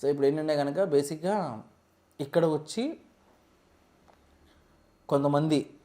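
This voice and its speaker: Man, mimicry artist, interview guest, relaxed, explanatory, fairly high voice. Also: unhurried. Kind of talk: casual interview chat.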